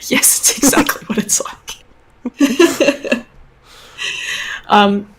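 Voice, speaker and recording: A woman co-hosting a casual podcast chat, frank and quick to laugh. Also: fairly high pitch, lively intonation, slightly rough. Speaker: podcast co-host.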